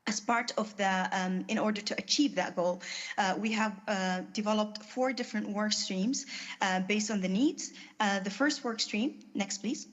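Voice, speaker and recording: A woman gives a conference panel presentation at a middle pitch. She speaks haltingly and fills her pauses with frequent "uh" and "um". The audio sounds dull and lo-fi. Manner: halting, many fillers.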